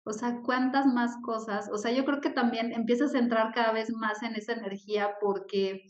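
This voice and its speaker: Female podcast host, slightly high voice, encouraging, roomy and slightly dull recording. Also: fairly even intonation, moderate pace. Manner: encouraging, frequent soft affirmations. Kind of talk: casual interview chat.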